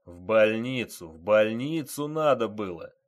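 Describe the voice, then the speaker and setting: A man's voice: lowish voice, normal speed, close to an everyday voice. Brusque scolding police major, read by a man. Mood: stern. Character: stern commanding male police major.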